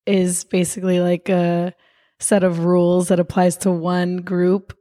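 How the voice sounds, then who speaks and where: A woman co-hosting a casual podcast while hoarse from laryngitis, giggling often and saying "like" a lot. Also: lowish voice, monotone, unhurried, warm tone. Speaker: podcast co-host and Pilates teacher. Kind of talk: casual chat.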